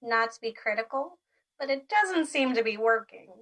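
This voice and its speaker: Audio drama: actress as the spirit of love, high-pitched, bright, sweetly fussy and theatrical. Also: female voice, lively intonation, normal speed. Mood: gently chiding. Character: Love, sweet airy doting embodiment of love.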